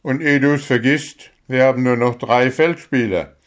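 A man's voice: mid-range voice, moderate pace, pitched above the performer's own voice, close to an everyday voice. A man voicing a dwarf football captain who is sulky and defiant. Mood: grumbling. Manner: grumbling, sulky.

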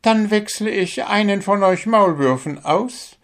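A man's voice: sits high, a little slow, a bit bright, pitched above the performer's own voice. A man voicing a small, strict bird who coaches a football team, scolding and sarcastic.

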